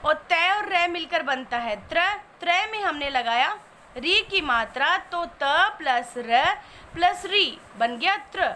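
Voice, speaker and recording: A woman's voice: sits high, bright, forceful tone, a little hiss or hum. A woman teaching a spelling lesson, patiently breaking each word into its sounds step by step.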